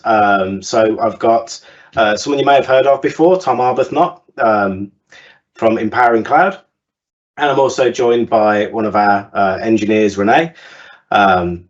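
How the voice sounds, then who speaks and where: A man hosting a webinar, upbeat and presenting with frequent fillers. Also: medium pitch. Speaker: webinar host. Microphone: video call. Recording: lo-fi webinar call audio.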